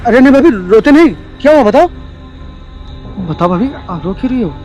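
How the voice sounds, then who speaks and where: A young man playing an eager younger brother-in-law who coaxes and flatters. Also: sits high, moderate pace, dull audio, faint music behind, close to an everyday voice. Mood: coaxing. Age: young adult. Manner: coaxing, flattering.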